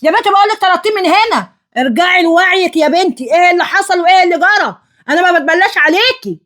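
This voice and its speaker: A woman plays a frantic middle-aged Egyptian mother in a drama web sketch. Her voice rides very high and races along, full of exclamations and muttered prayers. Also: expressive, very fast, a bit bright. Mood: exasperated. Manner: exasperated, exclaiming and reciting protective prayers. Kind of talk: acted comedy drama.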